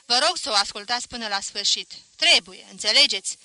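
Woman doing stubborn male professor, loud declaiming, very bright tone. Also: on the high side, expressive, dry recording, low-quality recording. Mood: indignant. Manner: insistent, declaiming loudly. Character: proud long-haired male professor lecturing.

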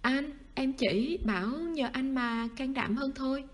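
A woman's voice: a little high, unhurried, darkish tone, close to an everyday voice. A woman voicing a scared, whiny young man in a read-aloud storybook. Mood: whining. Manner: pleading, whiny.

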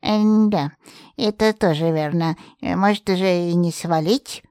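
A woman's voice: on the low side, measured pace, mellow, no room sound, clean studio sound. A woman voicing a grumpy old forest witch who talks like a rustic village granny, in an audiobook. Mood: complaining. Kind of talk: audiobook character voice.

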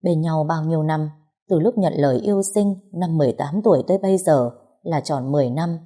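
Mellow young woman telling a story. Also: low-pitched, a little fast. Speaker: audiobook narrator. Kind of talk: first-person story narration.

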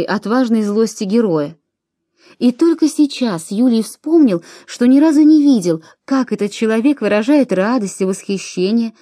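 Mellow-voiced woman reading an audiobook. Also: on the high side, no room sound, clean studio sound. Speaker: audiobook reader. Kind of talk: audiobook narration.

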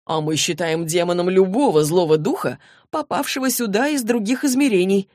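A woman voicing a cocky, cold and mocking young male demon hunter in an audiobook, talking slowly and scornfully. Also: mid-range voice, a little mellow, dry recording, clean studio sound, close to an everyday voice. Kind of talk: audiobook reading.

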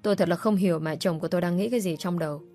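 Low-voiced woman narrating a story. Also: racing, mellow, soft background music. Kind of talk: first-person story narration.

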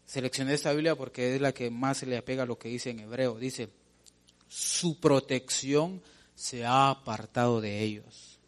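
A man preaching a sermon, asking rhetorical questions and calling out to his listeners as "brother", building to loud emphatic appeals. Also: medium pitch. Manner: preaching, calls out "hermano" and builds to shouts. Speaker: pastor.

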